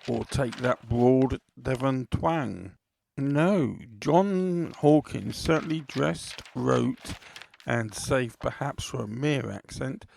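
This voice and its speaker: Gravelly male podcast host, unhurried and measured in delivery. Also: mid-range voice, a little mellow, a little hiss or hum. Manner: measured, deliberate, with occasional "uh" pauses. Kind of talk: solo history podcast talk.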